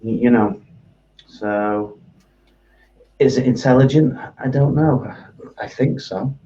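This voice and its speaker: Male guest, hesitant and halting, mellow low voice, recorded at a distance on a muffled line. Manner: hesitant, repeats words. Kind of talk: casual interview.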